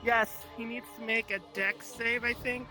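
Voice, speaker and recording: Very high, bright-voiced man gaming. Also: faint music behind. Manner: excitable, swearing, slow and bright. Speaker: player. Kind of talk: casual tabletop play with friends.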